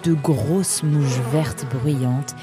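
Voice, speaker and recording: A woman reading a storybook narration in a calm, measured way. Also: low-pitched. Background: soft guitar music.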